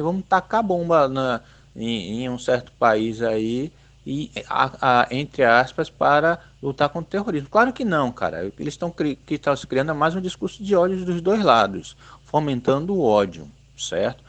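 A man from Brazil in a casual podcast discussion, talking emphatically with many fillers. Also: mid-range voice. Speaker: podcast host.

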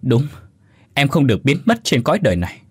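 A man's voice: mid-range voice, sing-song, brisk, darkish tone, husky, dry recording, clean studio sound, voice pushed up. A man voicing a remorseful woman's ghost who weeps and stammers apologies.

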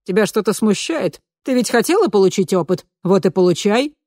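A woman's voice: medium pitch, expressive, fairly quick, dark tone, no room sound, clean studio sound, voice pushed up, lightly acted. A woman reading an audiobook, voicing a bossy, heavyset middle-aged woman with a brusque, domineering manner. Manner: brusque, domineering, then panicky pleading.

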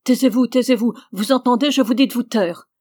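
A woman's voice: mid-range voice, normal speed, a little mellow, no echo, natural voice. A woman reading a stout angry master. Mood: furious. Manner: commanding, raised voice. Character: stout middle-aged male master, anxious then furious.

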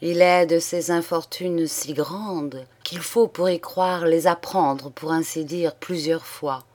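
A woman narrates a classic novel with a low voice. Her reading is steady and deliberate. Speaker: audiobook narrator. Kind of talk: literary audiobook narration.

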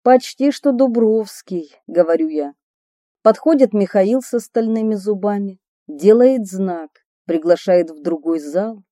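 A woman's voice: medium pitch, unhurried, mellow, dry recording, studio quality. A woman reading her memoir aloud, telling the story expressively with a light ironic touch. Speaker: narrator of her own memoir.

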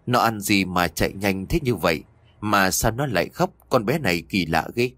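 A plain-spoken young farmer, gruff and brotherly, who scolds and questions bluntly, played by a male storyteller. The voice is low with lively rises, and it is close and dry. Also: moderate pace, dry recording. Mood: tense blunt.

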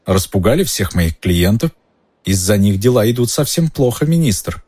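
A man voicing a chatty, curious middle-aged female innkeeper in a raised, softened voice, reading an audiobook. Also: lowish voice, very animated, moderate pace, slightly rough, no echo, studio quality. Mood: friendly. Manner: gossipy, curious, lilting. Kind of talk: audiobook character voice.

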